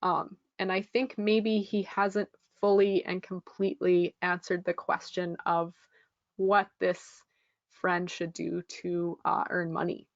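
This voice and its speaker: A woman's voice: fairly low pitch, level tone, slow, vocal fry, no room sound, dull audio. Woman teaching a test prep lesson. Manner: friendly, explanatory, frequent ums. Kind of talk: live online lesson.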